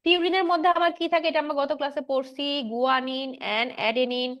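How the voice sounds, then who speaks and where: A biology teacher gives an exam-prep lecture, drilling key points, frequently checking that students follow, and mixing in English terms. Her voice is high and her pace moderate. The audio sounds dull.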